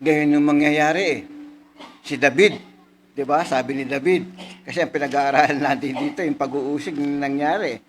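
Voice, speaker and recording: A man preaching a sermon, casually checking in with listeners and reading scripture slowly with emphasis. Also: fairly high pitch, steady tone, slight background noise. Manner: conversational teaching, frequent "no?" and "di ba?" checks. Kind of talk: Bible study sermon.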